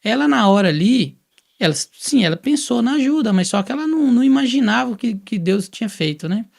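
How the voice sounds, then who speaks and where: Gravelly Brazilian man telling a story. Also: very high voice, brisk. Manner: lively storyteller who acts out quoted dialogue. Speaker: guest telling his testimony. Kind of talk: casual storytelling testimony.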